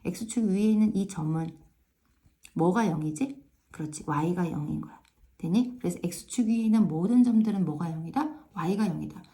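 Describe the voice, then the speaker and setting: A woman's voice: on the low side, moderate pace, dark tone. A woman math teacher explaining step by step in a casual classroom manner, often asking "right?" to check understanding. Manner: frequent tag questions checking understanding; repeats filler "ja" to pace steps.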